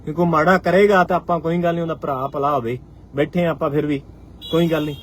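A man's voice: fairly high pitch, fairly even intonation, quick pace, husky. A man in his forties with a Punjabi accent, giving a fiery live-stream address as a farmers' union leader and driving his points home with repeated rhetorical lines. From Punjab, India. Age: 40s.

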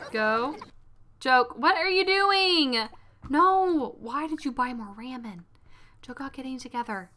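A young woman hosting a casual gaming video, chatting excitably and urging her game character on. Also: a little high. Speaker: gaming channel host. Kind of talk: casual let's-play commentary.

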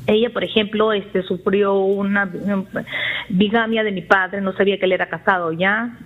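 Caller: woman in her 40s, husky, rambling and confessional, on dull lo-fi audio. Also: mid-range voice, steady tone, normal speed. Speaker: radio caller. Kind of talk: call-in confession to a therapist.

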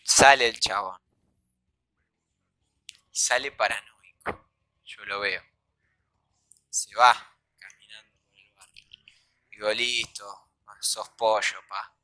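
A young man with a Rioplatense Spanish accent telling a comic story, acting out quoted voices and shouts. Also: fairly low pitch, slow, long pauses, dry recording, poor audio. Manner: acts out quoted voices, shouts and sound effects. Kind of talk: animated comedic storytelling.

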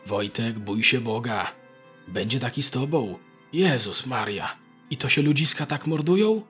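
A man's voice: mid-range voice, animated, unhurried, a bit bright, breathy edge, faint music behind, heavily acted. A man doing a timid, simple peasant soldier. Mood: naive, frightened. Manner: naive, fearful, rural dialect. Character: simple, timid young peasant soldier, big and slow-witted.

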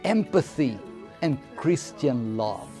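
A man giving a slow, measured scripted narration. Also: medium pitch, animated, warm tone, faint music behind.

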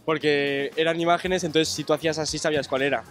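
A young man answering a street interview outdoors, cheerful and quick to laugh, into a handheld microphone. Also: on the high side, fairly even intonation, a bit bright, faint music behind. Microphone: handheld microphone held by the interviewer.

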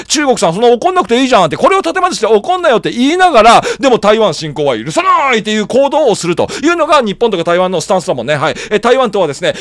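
A man's voice: high voice, no echo, studio quality. A man giving casual, sarcastic political commentary while reading news aloud, stammering and restarting often. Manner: animated, sarcastic, frequent filler and stammered restarts. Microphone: wireless clip mic.

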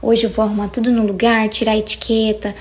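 A woman's voice: a little high, level tone, quick pace, roomy sound. A young adult woman vlogging casually at home, chatty and playful, with rambling asides. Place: room at home.

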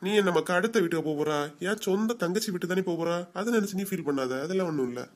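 An actor voicing a gentle, doting middle-aged father in a cartoon comedy, with a Kanyakumari Tamil accent and a coaxing, soothing way of talking. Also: medium pitch, very fast, close to an everyday voice.

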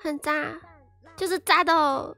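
A very high-voiced young woman streamer on a voice call, her voice bright and light. She keeps laughing through her words and sounds close to tears, feeling sorry for herself, with faint music playing behind. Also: steady tone, slow pace, creaky. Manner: laughing and tearful, self-pitying. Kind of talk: casual voice-call chat.

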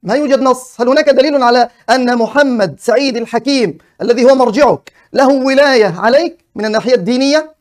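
Man, very high voice, rapid delivery, insistent, repeats his demands, formal phrasing, heated debate.

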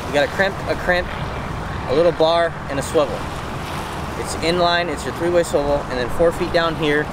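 A man's voice: fairly high pitch, normal speed, very noisy. A young man hosts an outdoor fishing tutorial on a riverbank. He talks viewers through each step in a casual, instructive way, often checking in with "okay?". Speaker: fishing channel host. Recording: loud outdoor river ambience behind voice.

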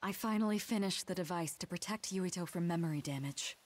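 Actress as composed low-voiced anime mother. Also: a little fast, lightly acted. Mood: composed, resolute. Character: resolute, gentle young mother with a secret plan. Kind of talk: anime video game dub acting.

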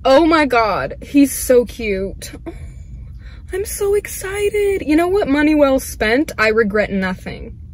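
A woman's voice: fairly high pitch, animated, measured pace, slight background noise. Bubbly gushing young woman. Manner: bubbly, gushing, chatty with many fillers. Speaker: vlogger. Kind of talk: casual unboxing vlog.

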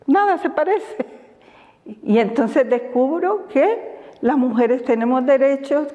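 Older Honduran activist woman, measured interview delivery with long pauses, lapel mic in a lingering reverb. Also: a little high, dark tone, highs cut off. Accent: Honduran Spanish. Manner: slow, deliberate, reflective with frequent fillers and laughs. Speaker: women's rights defender. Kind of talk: interview answers. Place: indoors in front of a banner.

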